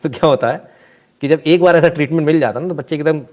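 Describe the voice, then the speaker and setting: A man giving casual live commentary, reading out viewer comments and telling anecdotes in an animated, scolding manner. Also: fairly high pitch, fast talker.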